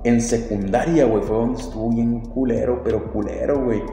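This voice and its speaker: A laid-back Mexican man spins a casual podcast story, full of slang and swearing. His voice is mellow and warm. It bounces around a very echoey room with a long reverb tail and faint music underneath. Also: mid-range voice, fairly even intonation, moderate pace. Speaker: podcast host.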